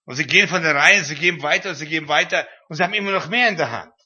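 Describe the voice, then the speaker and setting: A man's voice: fairly high pitch, racing, bright, forceful tone, husky. A man preaching a sermon, retelling a scripture passage in a conversational way with frequent fillers. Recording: dull, lo-fi recording.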